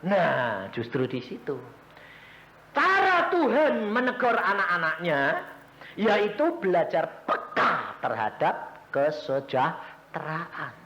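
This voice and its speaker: A man preaching an evangelistic sermon in a storytelling style, with an animated delivery that swings between loud exclamations and soft asides. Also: high voice, reverberant, dull audio.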